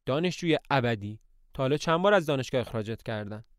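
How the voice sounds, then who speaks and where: A man's voice: medium pitch, lively intonation, dry recording, clean studio sound, lightly acted. A man reading aloud voices an earnest, tense young woman who runs the household. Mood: angry.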